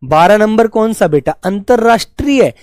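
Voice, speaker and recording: A man teaching Hindi spelling in a live online class, patiently repeating each word slowly and fondly addressing his students as children. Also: high voice, lively intonation, darkish tone, smooth, no room sound, clean studio sound.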